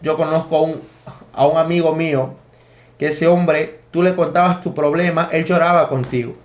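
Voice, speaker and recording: A man's voice: on the high side, steady tone, normal speed. A man preaching a sermon, teaching emphatically and counting out his points. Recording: echoey room.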